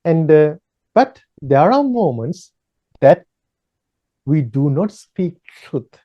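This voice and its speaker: Male monk giving a gentle, measured talk; slightly high, unhurried, muffled recording. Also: sing-song. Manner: gentle, repetitive, pausing with fillers. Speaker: Buddhist monk teaching. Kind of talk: slow, measured dharma talk.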